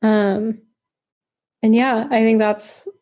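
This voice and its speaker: A woman's voice: on the high side, flat delivery, mellow. A woman in her twenties, a podcast guest in casual chat, reflective and full of fillers. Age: 20s. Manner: reflective, filler-heavy, quick agreeing interjections.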